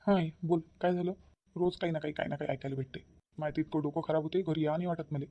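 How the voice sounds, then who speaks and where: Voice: mid-range voice, fairly even intonation, quick pace, highs cut off, natural voice. A performer voicing a worried grown son and husband in a cartoon comedy, anxious and questioning. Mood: weary.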